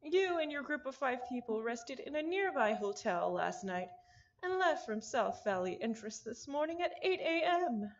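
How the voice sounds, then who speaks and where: Big pitch swings mark this woman's high-pitched voice as she reads a visual novel at a moderate pace, the highs cut off. She's casual and self-interrupting, tossing in asides and apologizing for mangling names.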